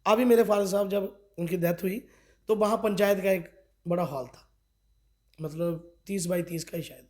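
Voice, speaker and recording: A middle-aged man from Kathua speaks in a notably high voice. He is a district party official giving a local news interview. He presses his complaints forcefully and leans on rhetorical questions. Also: moderate pace. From Kathua, Jammu and Kashmir.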